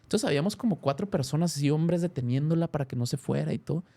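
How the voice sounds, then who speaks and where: With fairly high pitch, fast speech, and vocal fry, this Mexican-accented man in his thirties is a casual interview guest. He tells an animated story, stopping often to restart and self-correct.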